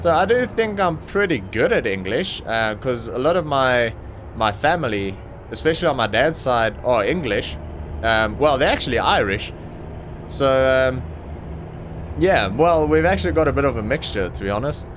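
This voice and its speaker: This young adult gaming channel host is an Afrikaans speaker from Africa, and his medium-pitched voice has lively intonation at a normal speed. He rambles through casual commentary on a truck driving game, full of ums and restarts, with slight noise in the background.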